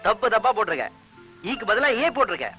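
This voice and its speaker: An earnest young captain son. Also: male voice, high voice, big pitch swings, quick pace, over music. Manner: earnest, pleading with his father.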